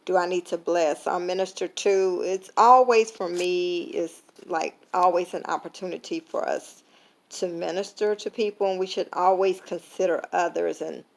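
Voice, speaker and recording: A tired woman vlogger shares a faith lesson in a casual, reflective talk to camera, retelling an everyday story with quoted dialogue and lots of fillers. Her voice is on the low side and creaky, with fairly even intonation at a moderate pace.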